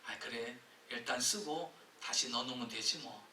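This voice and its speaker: An anxious, devout old grandmother frets to herself and pleads earnestly with God, as a male preacher quotes her in his own voice. The tone is bright and sharp, and it echoes through a large hall from far off. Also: mid-range voice, normal speed, a little hiss or hum, pitched below the performer's own voice. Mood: fretting. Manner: earnest, fretting, pleading in prayer. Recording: echoey church hall from a distance.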